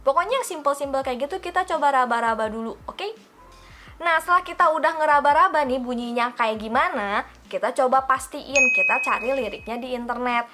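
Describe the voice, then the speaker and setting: A young woman gives a casual language lesson to her viewers. Her voice sits high and sounds bright and forceful. She chats along, calls herself by her own name and keeps asking rhetorical questions. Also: a little fast, faint music behind. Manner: chatty, asks listeners rhetorical questions. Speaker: Mandarin teacher.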